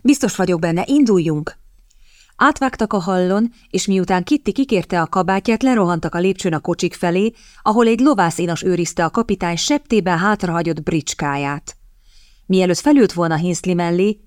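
A woman's voice: lowish voice, darkish tone, dry recording. Woman narrating an audiobook, dry and close. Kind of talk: scripted narration.

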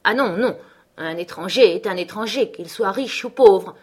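A harsh, domineering master of a remote farm, as a woman reading a novel puts him on. He speaks loudly and with open scorn, in the plain tones of a storybook reading. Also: mid-range voice, normal speed, breathy edge, lightly acted. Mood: scornful. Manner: forceful, scornful.

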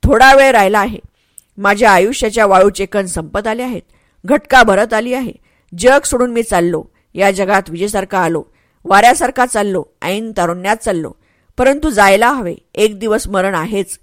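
A woman's voice: mid-range voice, moderate pace, no room sound, clean studio sound, close to an everyday voice. A woman voicing a brave young male warrior, a dying son who speaks earnestly and pleads tenderly. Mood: pleading.

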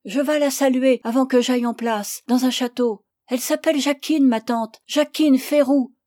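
A tired sixteen-year-old country girl, high and loud, pleading for help, as a woman reader puts her on. The tone stays mellow and the audiobook sound is dry and close. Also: steady tone, moderate pace, no room sound, lightly acted. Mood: plaintive. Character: sixteen-year-old peasant girl, weary, naive, eager. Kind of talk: audiobook character voice.

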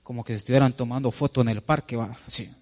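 A man preaching a sermon, addressing the congregation as brothers and reading scripture slowly and emphatically. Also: fairly even intonation, darkish tone. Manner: rises sharply in pitch on emphatic points.

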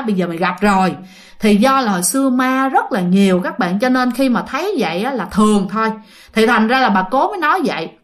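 Chatty Southern Vietnamese woman storyteller. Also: fairly high pitch. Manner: chatty, addresses listeners directly. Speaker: ghost story narrator. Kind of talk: casual storytelling.

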